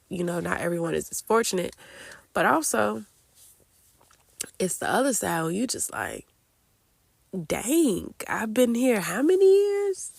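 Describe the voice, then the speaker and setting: Her voice sits on the low side and sounds gravelly as this late-20s podcast host talks alone on her casual show. She's congested from a cold, candid and chatty, filling gaps with "like" and "I don't know," and there's no echo.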